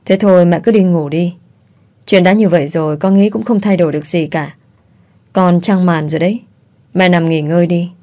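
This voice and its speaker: A woman's voice: fairly low pitch, fairly even intonation, normal speed, close to an everyday voice. A woman voicing a meek, hardworking young wife who speaks politely to her mother-in-law. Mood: soothing. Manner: gentle, polite.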